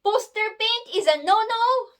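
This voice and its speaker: Woman, high voice, slow unhurried pace, casual tutorial, chatty and giggly. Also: lively intonation, a bit bright. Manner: chatty, giggly, self-correcting. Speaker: cosplay crafter.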